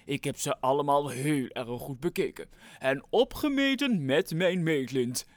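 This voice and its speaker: A children's storyteller doing a contest announcer bellowing through a megaphone, loud and slow with wide swooping pitch. Every word is stretched out like a ringmaster, and the recording is close and dry with no room around it. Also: very animated, no room sound. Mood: booming announcing. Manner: loud, slow, drawn-out calling. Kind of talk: storybook read-aloud.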